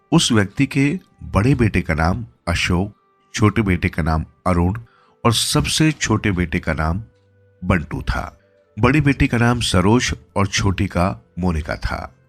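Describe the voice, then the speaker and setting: A man narrating a moral story for listeners in a calm, even, scripted storytelling style. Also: fairly low pitch. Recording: soft music bed behind the voice.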